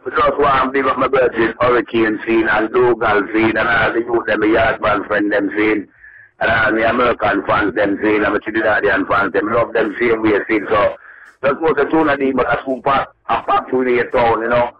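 A man's voice: lowish voice, flat delivery, normal speed, crowd noise. A man, a reggae artist talking over the phone in a casual radio interview, in a loose, repetitive, upbeat patter. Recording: muffled phone-line audio.

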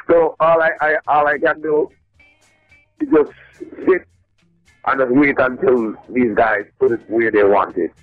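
A middle-aged reggae artist with a Jamaican accent, heard over a phone line, talking in a laid-back, rambling way with lots of restarts. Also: male voice, medium pitch, expressive, slow, pauses often, no room sound. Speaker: reggae artist calling in as a guest. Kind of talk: casual radio phone interview. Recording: tinny dry phone line with faint music.

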